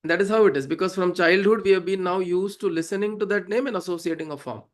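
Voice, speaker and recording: A South Indian-accented man teaches Sanskrit devotional hymns, explaining the verses informally and didactically and often checking in with questions. His voice is high and he talks fast.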